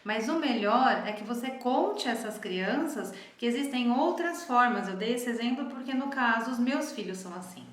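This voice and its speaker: Woman therapist, calm explanatory talk, somewhat high voice, echoey room. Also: normal speed, hardly any pauses. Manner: calm, explanatory, often adds "né?". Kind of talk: reflective teaching talk.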